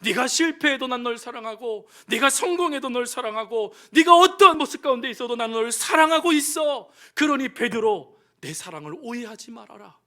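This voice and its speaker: A preacher voicing Jesus, a loving man speaking gently and intimately to a disciple. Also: high-pitched, very animated, normal speed, full character voice. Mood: tender.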